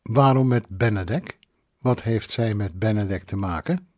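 A man voicing a sharp-tongued, bossy middle-aged widow who talks curtly, raising his voice for her. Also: lowish voice, normal speed, dry recording, studio quality, close to an everyday voice. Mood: snappish. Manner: snappish, curt.

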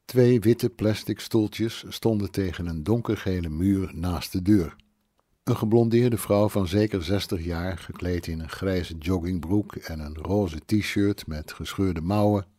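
A man reading a novel aloud in a calm, even storytelling manner. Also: low voice, no room sound, clean studio sound. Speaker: audiobook narrator. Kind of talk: scripted narration.

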